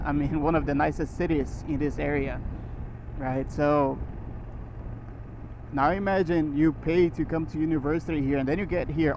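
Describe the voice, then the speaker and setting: A man who grew up in Brazil, talking casually and rambling as he rides a motorcycle through city traffic, recorded on a helmet mic. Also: a little high. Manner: rambling, with restarts and short laughs. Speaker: motorcycle vlogger. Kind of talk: casual riding commentary. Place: riding a motorcycle on city roads. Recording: muffled helmet audio with road noise.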